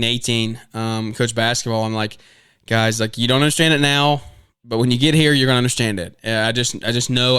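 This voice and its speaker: A man's voice: medium pitch, fairly bright tone, clear, resonant tone, no echo, clean studio sound. A man in his twenties hosting a solo podcast, talking earnestly and rambling a little, with many fillers and restarts. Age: 20s. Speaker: podcast host.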